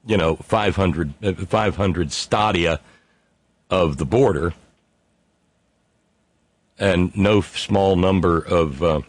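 A man with a low voice hosts a live stream, reading viewer comments aloud in a rambling, wry, unscripted monologue full of fillers and restarts. He speaks slowly with long pauses, and there's no room sound.

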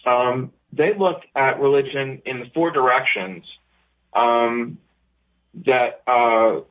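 A man speaks over a speakerphone on an internet call, his voice squeezed into a narrow, phone-like band. He talks in a middle pitch and explains his idea haltingly, filling pauses with ums. It sounds like a listener's call into a talk show. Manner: hesitant, many ums, explanatory. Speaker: caller. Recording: tinny phone-like call line.

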